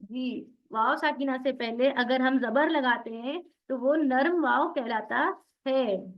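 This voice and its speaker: A woman teaching an online Quran recitation class, asking questions and answering them herself, drilling syllables slowly one by one. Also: high-pitched, lo-fi sound.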